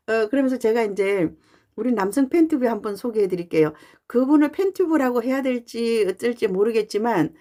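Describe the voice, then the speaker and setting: Woman vlogger, mid-pitched and mellow, chatty and earnest monologue with frequent "uh" pauses. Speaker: fan channel YouTuber. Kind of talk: casual talking-head monologue.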